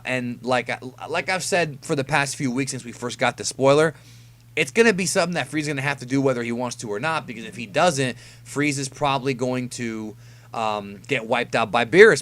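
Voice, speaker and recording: In a medium-pitched, slightly bright voice, a man offers laid-back fan commentary on an anime episode preview for his YouTube channel. He keeps it conversational and stresses key words.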